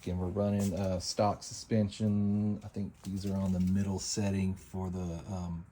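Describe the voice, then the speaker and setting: A man casually narrating a product test, halting as he thinks aloud. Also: low voice, flat delivery, dark tone, a little hiss or hum. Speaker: off-road vehicle vlogger.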